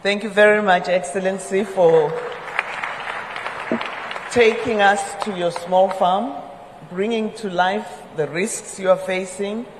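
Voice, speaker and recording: A man moderating a conference panel, brisk and emphatic, pressing the speakers on time. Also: sits high, steady tone, noisy background. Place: large conference hall. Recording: echoey hall, faint crowd.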